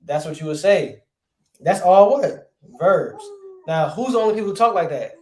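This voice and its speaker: A man teaching a relaxed class, with a voice a little higher than most men's. He talks conversationally and keeps checking in with rhetorical questions. The room gives his voice a noticeable echo. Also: moderate pace. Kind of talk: casual classroom lesson. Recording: roomy echo.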